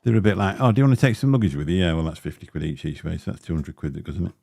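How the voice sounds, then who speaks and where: A very low, gravelly man with a dark, mellow tone chats very fast into a close dynamic studio mic in a small home room, hosting a casual livestream while unboxing gear. He rambles with plenty of ums and grumbling asides. The sound is dry and close, with no echo.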